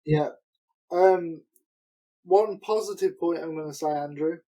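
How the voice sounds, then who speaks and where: A man co-hosting a podcast in relaxed, joking chat. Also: a little high, measured pace, low-quality recording. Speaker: podcast co-host. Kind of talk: casual chat.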